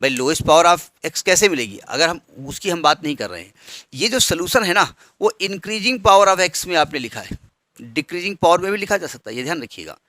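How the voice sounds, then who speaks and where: A man's voice: fairly high pitch, big pitch swings, moderate pace, bright, forceful tone, no echo. A man teaching a maths lesson step by step, patiently asking students questions as he works. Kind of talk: blackboard maths lecture.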